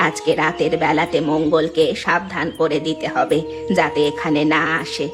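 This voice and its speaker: A woman voicing a kindly old village woman who speaks in a gentle, soothing, motherly way. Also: sits low, flat delivery, moderate pace, pitched below the performer's own voice, close to an everyday voice. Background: background music.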